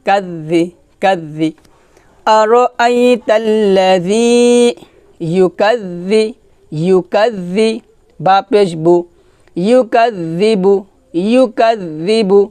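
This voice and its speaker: Patient man teaching recitation, smooth voice. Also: high voice, dark tone, no room sound. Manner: slow drawn-out chanting of verses between brisk explanations; patient, repeats syllables for students to follow. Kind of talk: spelling-out recitation lesson.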